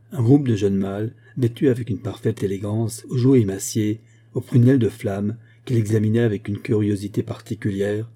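A male narrator reading a literary story aloud at a measured, even pace. His voice sits fairly low and sounds very dark and mellow, with a husky edge. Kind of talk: audiobook narration.

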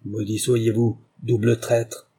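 A man reading aloud, voicing a furious captured male German spy, speaking slowly and bitterly. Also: flat delivery, mellow, slightly rough. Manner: slow, low, deliberate and bitter.

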